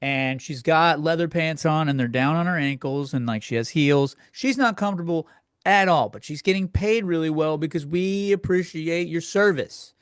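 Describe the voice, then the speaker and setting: A man with a smooth, slightly high voice talks at normal speed, recorded at studio quality with no room sound. As host of a comedy podcast, he answers listener questions in a loose, crude rant that often turns on himself.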